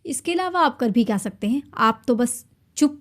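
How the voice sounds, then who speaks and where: A woman's voice: a little high, expressive, close to an everyday voice. Woman reading as a defiant angry young wife. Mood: shouting. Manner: sharp, defiant.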